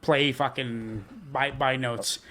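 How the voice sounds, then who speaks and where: A man's voice: medium pitch, steady tone, slow, fairly bright tone. A man near forty hosting a casual reaction show, enthusiastic, swearing freely and tripping over his words. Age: 30s. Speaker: host.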